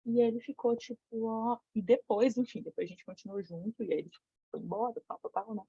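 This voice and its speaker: Brazilian woman, circle facilitator: mellow voice, blunt and slangy, muffled lo-fi sound. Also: a little high, brisk, creaky, slightly rough, dry recording. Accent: Brazilian Portuguese. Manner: frank, slangy and profane. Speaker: women's tantra circle facilitator. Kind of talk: candid storytelling to a group. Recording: dull lo-fi sound.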